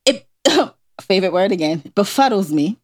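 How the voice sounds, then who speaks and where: Animated, playful woman co-host. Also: medium pitch, moderate pace. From New York. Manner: animated, playful, laughing often. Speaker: podcast co-host. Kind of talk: casual chat.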